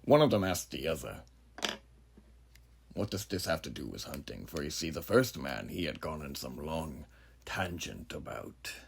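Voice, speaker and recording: A man playing a menacingly genial, philosophizing frontier judge in a horror audio roleplay, speaking grandly and theatrically with a gravelly voice. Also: rumbling low, heavily acted. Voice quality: gravelly, husky. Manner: grandiloquent, unhurried, theatrical, with dramatic pauses. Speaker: voice actor.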